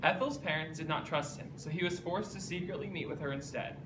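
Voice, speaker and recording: A man's voice: a little high, brisk. Distant, echoey male student news reporter. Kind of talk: scripted narration of a history report. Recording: distant mic, echoey room, loud background noise.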